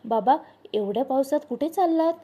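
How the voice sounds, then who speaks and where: A woman's voice: high-pitched, animated, moderate pace, warm tone. A woman voicing a friendly, curious young man driving home in the rain.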